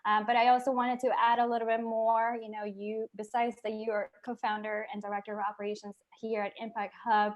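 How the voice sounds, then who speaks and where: A woman's voice: a little high, flat delivery, a little fast, hardly any pauses, lo-fi sound. Upbeat woman hosting an online workshop. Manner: upbeat, frequent fillers and laughs. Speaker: workshop host.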